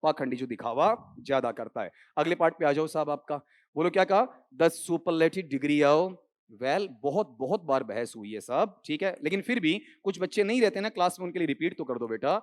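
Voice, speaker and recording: A man's voice: on the high side, expressive, fairly quick. A man runs a classroom lesson on English grammar for an exam. He keeps firing questions at his students, repeats the key words, and calls them "sahab" and "beta" as he talks. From India. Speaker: English teacher. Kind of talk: exam-prep classroom lecture.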